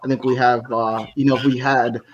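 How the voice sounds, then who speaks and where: A man from the United States hosting a podcast, explaining his thoughts in a relaxed, conversational way. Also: medium pitch, moderate pace. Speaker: podcast host. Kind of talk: casual conversation. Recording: slightly muffled with faint hiss.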